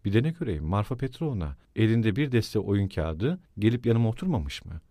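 A man's voice: on the low side, very animated, normal speed, warm tone, no room sound. Svidrigailov, a man reading as a brooding landowner. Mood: musing. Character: brooding, eerie middle-aged male landowner, absent-minded. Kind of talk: audiobook character reading.

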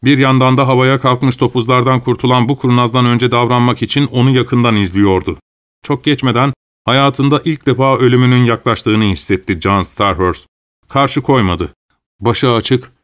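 A man giving a steady, measured scripted narration of a story. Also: medium pitch.

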